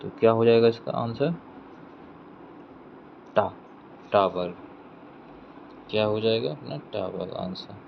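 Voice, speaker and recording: A man's voice: on the low side, takes it slowly, vocal fry, pauses often. A man teaching an exam-prep grammar lesson. He repeats every question before he answers it himself, and he checks in with his students as he goes. The recording is dull and lo-fi, with faint traffic noise behind him. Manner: explains step by step, checking in with "theek hai".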